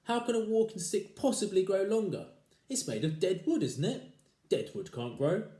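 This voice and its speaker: A man voicing a cruel old husband who taunts his wife with loud, slow, gloating lines. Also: sits high, very animated, pitched above the performer's own voice. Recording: echoey room.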